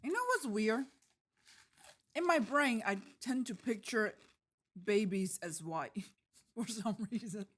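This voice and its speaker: A woman's voice: a little high, takes it slowly, long pauses. Young woman chatting on a podcast, giggles a lot, says like a lot, kinda unsure. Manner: giggly, hesitant, lots of fillers. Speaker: podcast co-host. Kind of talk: casual chat.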